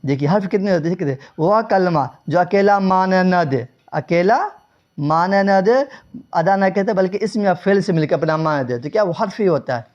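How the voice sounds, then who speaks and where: Recorded in dull lo-fi, a man with a high, darkish voice gives an exam-focused Urdu grammar lesson. He throws out rhetorical questions, says the answers again, and spells English words one letter at a time.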